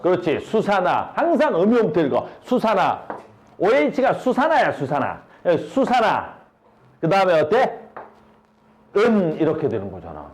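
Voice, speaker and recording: Male science teacher, high and animated, questions his class nonstop. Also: moderate pace. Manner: asks students constant rhetorical questions. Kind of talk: classroom lecture with questions to students.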